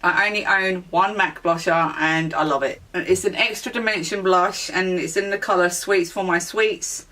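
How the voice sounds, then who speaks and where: Low-voiced woman chatting about makeup. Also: normal speed, hardly any pauses, recorded from a distance, a little hiss or hum. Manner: relaxed, chatty, many ums and self-corrections. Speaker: beauty vlogger. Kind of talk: casual product review chat.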